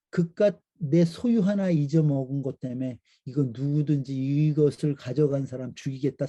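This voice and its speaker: A middle-aged man, a missionary pastor, telling a personal story in a sermon with pauses and fillers. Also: on the high side, mellow. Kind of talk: sermon testimony.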